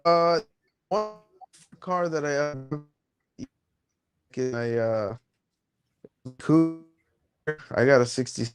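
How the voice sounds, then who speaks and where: A man chatting casually over a call, his audio breaking up and cutting out, talking haltingly with many fillers. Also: a little high, music in the background. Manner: halting, full of fillers and restarts.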